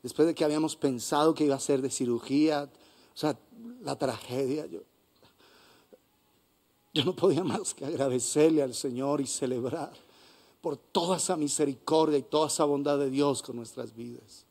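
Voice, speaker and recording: Impassioned Colombian pastor preaching. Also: male voice, a little high, normal speed, vocal fry. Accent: Colombian Spanish. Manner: impassioned, swings from hushed to loud. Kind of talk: sermon. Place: church hall.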